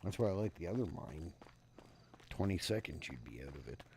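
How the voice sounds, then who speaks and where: Deep-voiced guy streaming, sleepy and yawny, mumbles along, loud background noise with animals outside. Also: sing-song, a little fast. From Canada. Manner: mumbling, low-key and offhand. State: sleepy, yawning. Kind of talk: casual gameplay commentary.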